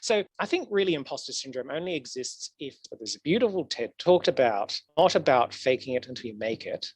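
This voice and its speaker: A man talking as a podcast guest in casual interview chat, animated and laughing often, his voice swooping up for emphasis. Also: mid-range voice, brisk, slightly rough, no echo. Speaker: podcast guest, historical archivist.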